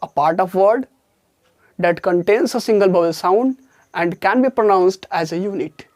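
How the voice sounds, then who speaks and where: A grammar teacher giving a classroom lesson, repeating each point and slowly dictating definitions word by word. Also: mid-range voice, a little mellow. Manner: repeats points and asks questions before answering them.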